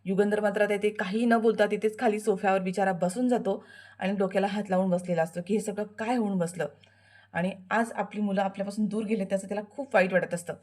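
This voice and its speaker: A woman's voice: medium pitch, fairly even intonation, fast, darkish tone. Chatty woman recapping a TV serial. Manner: chatty, addresses listeners directly. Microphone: voice-over.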